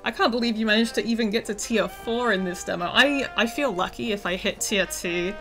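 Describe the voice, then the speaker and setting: A woman game developer with a scratchy, rough voice from feeling unwell, chatting casually through a livestream of her studio's game, with many ums and uhs. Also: mid-range voice, a little fast, music in the background. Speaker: game developer streaming a demo.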